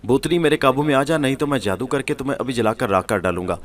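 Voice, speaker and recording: A man voicing a wild long-haired male jogi exorcist who shouts threats and chants. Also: medium pitch, lightly acted. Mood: blustering threats.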